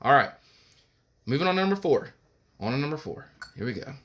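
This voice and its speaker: A man's voice: mid-range voice, very animated, fairly quick, fairly bright tone. A man teaching a recorded music lesson. He talks patiently, explains each step and sings solfege syllables.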